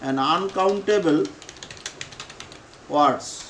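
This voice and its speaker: Slow, high-voiced English teacher. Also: male voice, a bit bright, reverberant, slight background noise, rough recording. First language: Bengali. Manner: slow, repeats each phrase for learners. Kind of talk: spoken English lesson.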